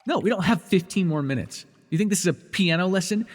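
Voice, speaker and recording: A man plays a sardonic telepath villain who acts as a reluctant, protective mentor in a superhero audio roleplay. His high voice is fast with lively intonation, and he sounds stern and angry, intense and emotive as he swings between biting and tender.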